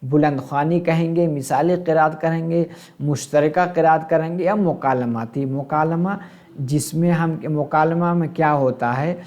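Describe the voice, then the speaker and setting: A man's voice: on the high side, normal speed, darkish tone. A man teaching an exam-prep lesson, asking questions and answering them himself and glossing terms in English.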